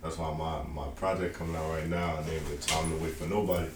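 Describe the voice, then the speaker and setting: Speaking fast in an extremely low, flat voice, a Long Island, New York indie rapper rambles about his music as an interview guest in a casual chat. He leans on slang, lots of fillers, and "you feel me," and the audio is echoey and roomy with faint background noise.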